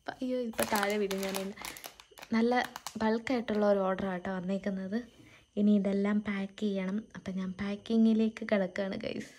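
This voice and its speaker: A woman's voice: mid-range voice, fairly even intonation, a little fast, a little mellow, slight background noise. A woman chatting casually in a day-in-my-life vlog, adding friendly tags to her sentences. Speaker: vlogger.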